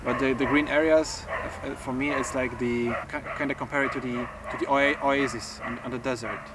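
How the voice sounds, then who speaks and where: A man from southern Poland with a Polish accent, a photographer talking haltingly in an interview, often restarting words. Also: medium pitch, steady tone. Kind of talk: interview talk. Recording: distant mic with clear background noise.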